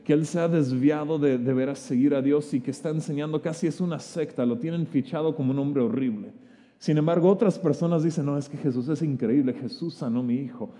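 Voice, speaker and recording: Preacher with a dark, mellow voice. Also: male voice, mid-range voice. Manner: animated, stammering restarts, vivid retelling. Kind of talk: sermon storytelling. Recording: long reverb of a hall.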